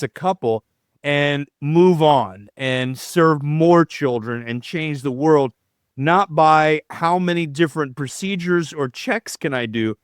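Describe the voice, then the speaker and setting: A middle-aged man, a chiropractor answering questions in a podcast interview, explaining in an animated, demonstrative way. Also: on the high side, smooth, no echo, studio quality. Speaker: chiropractor guest.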